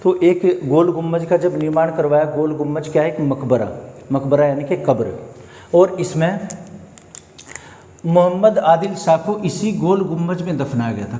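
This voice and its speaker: Male exam-prep tutor, raised pitch, asks and answers his own questions, long room echo. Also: dark tone. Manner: poses questions and answers them himself. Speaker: history teacher. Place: coaching classroom.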